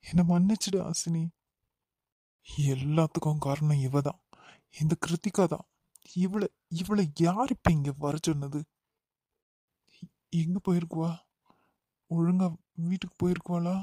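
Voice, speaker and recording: A man's voice: a little high, unhurried, long pauses, dark tone, dry recording. A man voicing a guilt-ridden young man in a cartoon who laments and reproaches himself, with a Kanyakumari Tamil accent. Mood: remorseful. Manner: despairing, self-reproaching. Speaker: cartoon character.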